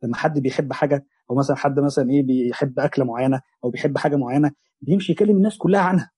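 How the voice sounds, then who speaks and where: A young man with an Egyptian Arabic accent giving a religious lesson on a chapter of the Quran, explaining quickly in colloquial speech and weaving in quoted verses. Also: medium pitch, dark tone, breathy edge, no echo. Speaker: Quran teacher.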